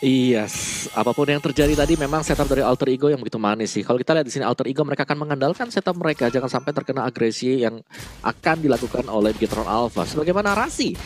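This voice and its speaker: An Indonesian man of middling pitch gives live match analysis as an esports caster. He talks quickly, with music running underneath. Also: animated. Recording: music behind the voice.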